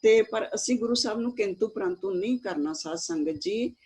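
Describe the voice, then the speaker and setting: Woman teacher for a religious pronunciation lesson, husky, slow and deliberate on each demonstrated word, keeps checking in with listeners. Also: mid-range voice, dark tone. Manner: checks in with frequent tag questions.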